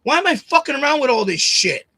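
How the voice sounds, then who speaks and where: A man's voice: very high-pitched, sing-song, quick pace, pushed and bright, no echo. Profane, rambling man in his late fifties. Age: 50s. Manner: rambling, profane, repeats phrases, voice rises when upset. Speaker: livestream host. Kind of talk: emotional personal rant. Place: home. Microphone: desk USB condenser microphone.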